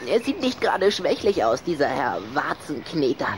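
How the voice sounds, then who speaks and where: A woman's voice: sits low, big pitch swings, moderate pace, noisy background. A woman playing a touchy, hot-tempered, sly little boy vampire in a German children's radio play, theatrical and scornful. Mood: indignant.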